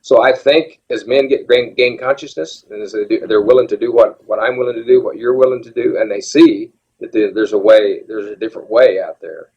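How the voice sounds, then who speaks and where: A man's voice: fairly low pitch, a little fast, hardly any pauses, darkish tone, husky. A man in his seventies, talking openly and reflectively as an interview guest, often restarting his sentences. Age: 70s. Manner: earnest, reflective, frequent restarts. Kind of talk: candid interview talk. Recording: dull lo-fi audio.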